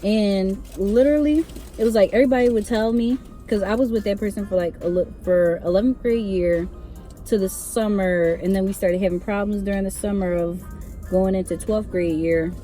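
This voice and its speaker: A young woman vlogger casually telling a personal story, chatty and animated with sing-song asides. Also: medium pitch, moderate pace, soft background music. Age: young adult.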